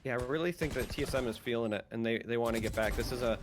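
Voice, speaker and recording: A man's voice: medium pitch, racing, over music. A man with an American Midwest accent giving play-by-play commentary as an esports caster, lifting his voice on big plays.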